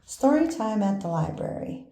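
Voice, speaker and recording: An older woman with a gravelly grandma voice reading a children's picture book aloud, slowly and expressively with pauses for little asides. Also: medium pitch, very animated, dark tone. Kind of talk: read-aloud children's storytelling. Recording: roomy echo, faint background noise.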